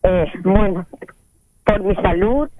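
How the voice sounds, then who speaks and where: A woman's voice: medium pitch, slow pace, dark tone. A woman calling in to a radio prayer show, asking briefly and politely for prayer, with her own radio echoing back over the phone. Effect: echo from her radio playing back over the phone. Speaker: caller.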